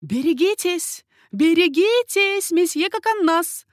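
A woman reading an audiobook, voicing a noble duchess who speaks in a cool, measured, imperious way. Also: sits high, animated, no echo, clean studio sound, voice pushed up. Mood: alarmed. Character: haughty noble duchess at a window.

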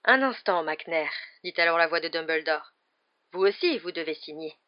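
A woman voicing a calm old male headmaster who speaks with gentle amusement. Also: low-pitched, moderate pace, dull audio. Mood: amused.

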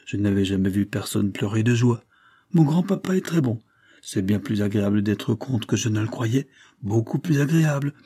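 A man reading an audiobook, voicing an earnest, excited little boy who has just become heir to a title. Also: medium pitch, normal speed, husky, dry recording, clean studio sound, lightly acted. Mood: happy. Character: eager, kind-hearted little boy heir.

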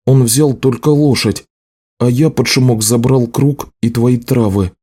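A man's voice: medium pitch, fairly even intonation, measured pace, dark tone, husky. A man reading an audiobook, voicing a young male juggler who speaks hesitantly and mumbles with guilt. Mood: sheepish.

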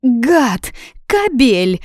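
A woman's voice: lively intonation, slow, a little mellow, dry recording, clean studio sound. A woman voicing a furious, jealous young blonde woman who shrieks accusations. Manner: shrill screaming accusations.

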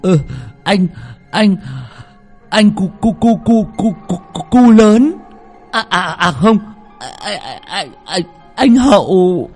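A panicked young villager whose voice jumps far up into a thin, shrill stammer. he trips over every word in sheer terror, told as a spoken ghost story over soft music. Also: big pitch swings, drawn-out words, long pauses, heavily acted.

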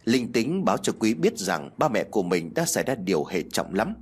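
Husky male ghost-story narrator. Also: on the low side. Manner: expressive, measured.

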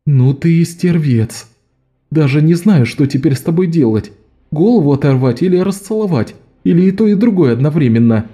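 A man's voice: fairly high pitch, lively intonation, normal speed, warm tone, pitched above the performer's own voice, lightly acted. A man voicing Jean, a blunt, protective adult male thief, firm and commanding. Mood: shaken.

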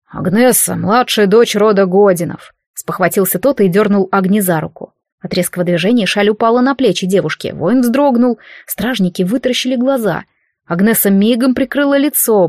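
A woman narrating a fantasy novel as an audiobook, reading in a steady, even storytelling manner. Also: medium pitch, dry recording, studio quality. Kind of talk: scripted narration.

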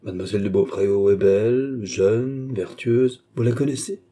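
A man voicing a calm, sharp-tongued male servant who speaks with quiet irony. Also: lowish voice, normal speed, lightly acted. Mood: calm, needling.

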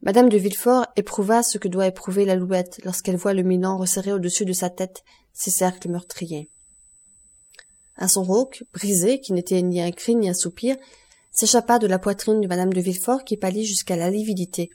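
A woman narrating a classic novel as an audiobook in a measured, expressive storytelling voice. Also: mid-range voice.

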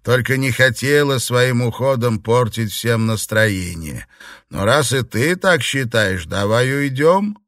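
A man voicing an older woman, a doting family matriarch, speaking slowly and indulgently in a storybook reading. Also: medium pitch, expressive, fairly bright tone, dry recording, clean studio sound. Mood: agreeable.

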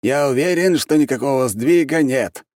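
A grumpy old archmage, voiced by a male reader sneers and scoffs at every question. The voice is pushed far higher than the narrator's own low tone and swings widely in pitch. The audiobook recording is dry and close. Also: lively intonation, normal speed, mellow, dry recording, lightly acted. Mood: haughty, irritable. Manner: haughty, dismissive, panicky when caught out.

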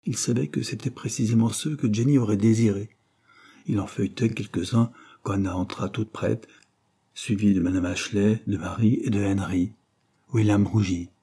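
Low, husky male audiobook narrator. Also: steady tone, normal speed, mellow. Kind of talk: scripted narration of a classic novel.

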